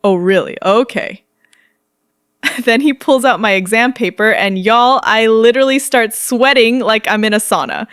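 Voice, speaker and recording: A woman's voice: a little high, normal speed, a bit bright, smooth, no echo, clean studio sound. A young woman telling a story to her viewers in a chatty, dramatic vlog style, laughing often and using casual slang. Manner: slangy, addresses viewers directly. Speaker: storytime narrator.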